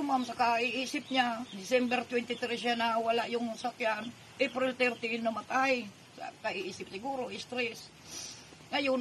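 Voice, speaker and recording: A woman's voice: high voice, a little hiss or hum, poor audio. An older grandmother telling her family's story in an earnest, tearful way, often retelling her own quoted words. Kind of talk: emotional personal account.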